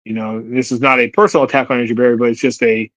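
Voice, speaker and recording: Brief: a male sports podcast co-host, mid pitch, halting and opinionated, on dry close audio. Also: flat delivery, fairly bright tone, no echo, lo-fi sound. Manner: halting opinionated commentary with restarts and "you know". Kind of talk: casual sports podcast chat.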